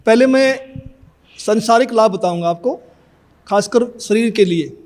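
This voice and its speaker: Man in his 50s, pretty high voice, earnest, telling his story in an interview. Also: unhurried, darkish tone. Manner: earnest storytelling, acts out remembered dialogue. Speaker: devotee giving testimony. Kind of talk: personal testimony in an interview.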